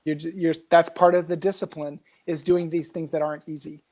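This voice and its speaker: A man's voice: on the high side, little pitch movement, brisk, darkish tone. A man appearing as a guest in a casual group discussion over a video call, speaking earnestly and reflectively and stressing his points.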